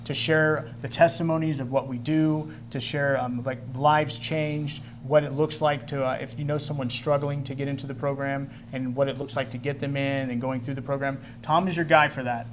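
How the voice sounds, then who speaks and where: A man's voice: medium pitch, little pitch movement, normal speed, hardly any pauses, a little hiss or hum. A man hosting a live ministry talk show in a chatty, easygoing way, joking with his crew. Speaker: host.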